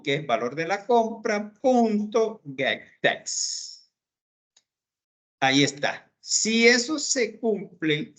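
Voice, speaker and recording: Here a man with a high, slightly bright voice records his screen while teaching a programming class. His explanation of the code is slow and methodical, and he keeps checking with students by saying "¿verdad?"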